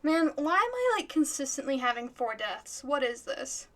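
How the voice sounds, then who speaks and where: A woman's voice: high voice, sing-song, moderate pace. A woman livestreamer giving chatty, giggly gaming commentary, laughing often.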